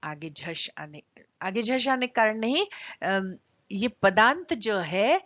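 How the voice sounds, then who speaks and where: Woman teacher, middle-aged, explaining step by step, lively rising and falling voice, dry slightly dull recording. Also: mid-range voice, takes it slowly, no room sound. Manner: explains step by step, drawing out vowels to demonstrate. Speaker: Sanskrit teacher. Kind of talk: video grammar lesson.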